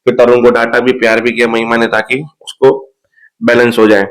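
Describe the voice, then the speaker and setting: Flat-voiced man recapping a serial. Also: medium pitch, a little fast, rough recording. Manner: retells scenes, quoting characters after "bola". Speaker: episode recap narrator. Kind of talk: casual serial episode recap.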